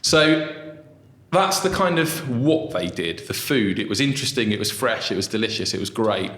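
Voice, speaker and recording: A man's voice: fairly low pitch, expressive, normal speed, fairly bright tone. Chatty man in his thirties, roomy sound. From Brazil, raised in England. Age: 30s. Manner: chatty, self-deprecating, many fillers and restarts. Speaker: restaurant co-founder guest. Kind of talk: casual interview chat. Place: small room in an office building.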